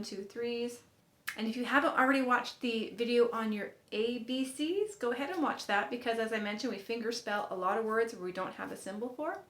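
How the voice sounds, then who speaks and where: A woman in her fifties leads a sign language lesson, counting aloud while demonstrating signs, in a fairly high, fairly bright voice. Recorded in an echoey room, she sounds upbeat and encouraging and laughs when she slips up.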